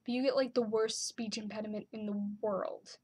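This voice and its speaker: A woman's voice: mid-range voice, steady tone, normal speed, darkish tone, slightly rough. A young woman chatting casually to her camera, with lots of "like" and "um" fillers. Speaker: vlogger.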